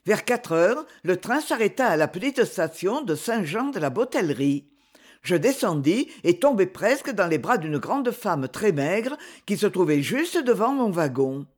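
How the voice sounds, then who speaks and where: Expressive woman reading a novel aloud. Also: on the low side, measured pace. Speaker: audiobook reader. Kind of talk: first-person novel narration.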